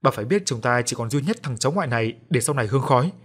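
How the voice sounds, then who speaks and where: A man voicing a stern, quick-tempered old grandfather in a ghost story, speaking gruffly. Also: mid-range voice, expressive, a bit bright. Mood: scolding. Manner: gruff, scolding.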